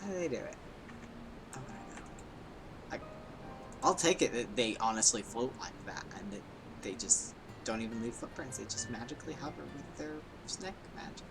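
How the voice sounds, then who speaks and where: A man's voice: mid-range voice, animated, normal speed, rough recording. A man giving casual gameplay commentary, musing aloud in a rambling way. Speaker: game streamer. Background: music.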